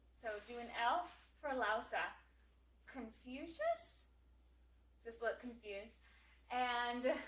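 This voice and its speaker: A woman's voice: high voice, a bit bright, echoey room, low-quality recording. A woman tutor walking through memory work, explaining hand motions and singing skip counts. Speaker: homeschool class tutor.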